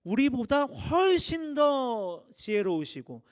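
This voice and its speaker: A man in his thirties, a youth pastor, giving a lively sermon, acting out little dialogues and asking his listeners questions. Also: very high-pitched, slow pace. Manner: animated, acts out dialogues, asks the audience questions. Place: church hall.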